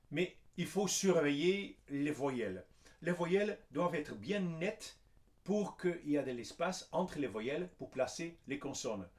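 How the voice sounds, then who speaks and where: A man with a high speaking voice coaches singing at an unhurried pace. He explains each point patiently and breaks into short sung demonstrations. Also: a little mellow, slight background noise. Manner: patient, explains, then sings examples. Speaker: vocal coach.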